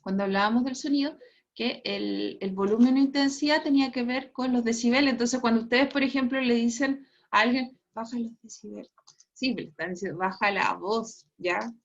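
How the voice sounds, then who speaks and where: A woman's voice: fairly high pitch, brisk. A woman teaching an online physics lesson, explaining step by step and checking in with her students. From Chile. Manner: explanatory, tags phrases with "¿cierto?" and "¿ya?", laughs at own jokes. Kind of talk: online class lecture. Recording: muffled lo-fi class recording.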